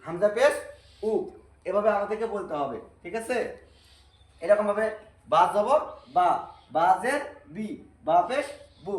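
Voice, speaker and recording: Guy doing quran reading drills, kinda high voice, echoey room. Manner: repeats drills slowly and patiently, asks and answers own questions. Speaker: Quran teacher. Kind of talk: Arabic reading lesson.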